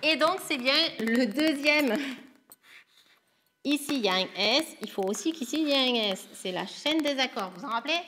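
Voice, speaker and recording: A woman's voice: high-pitched, expressive, moderate pace, a bit bright, a little hiss or hum. A woman who teaches primary school, patiently walking young pupils through a grammar lesson step by step. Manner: patient, explains step by step, calls pupils "les loulous".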